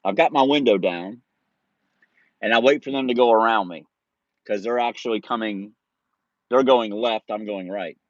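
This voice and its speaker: A man's voice: on the low side, moderate pace, long pauses, dry recording, lo-fi sound. A man in his forties casually telling a story to his viewers, laid-back, laughing and swearing freely. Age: 40s. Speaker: streamer.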